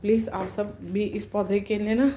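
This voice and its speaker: A young vlogger with a warm, medium-pitched voice tells a rambling personal story to camera at normal speed, with little pitch movement and slight background noise. Her tongue and lips are sore, so she talks carefully around the pain and keeps restarting sentences.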